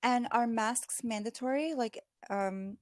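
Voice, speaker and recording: A woman with a somewhat high voice chats as an English tutor over a video call. She talks casually, with plenty of "like" and "um" fillers. The sound is dry and close. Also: a little slow, a little mellow, dry recording. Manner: chatty, many fillers like "like" and "um". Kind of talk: casual conversation practice.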